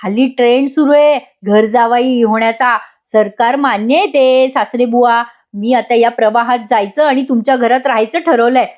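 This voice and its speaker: A woman voicing a young husband who pleads with his in-laws in a frantic, dramatic way, at a higher pitch than her narration. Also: moderate pace, few pauses, a little mellow, natural voice. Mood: pleading.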